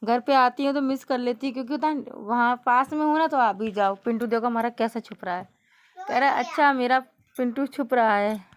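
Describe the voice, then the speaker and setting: A young woman from northern India talks viewers through her family vlog, chatty and easygoing, breaking into laughs. Her voice sits a little high for a woman. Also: a little fast. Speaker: family vlogger. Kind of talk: casual vlog narration.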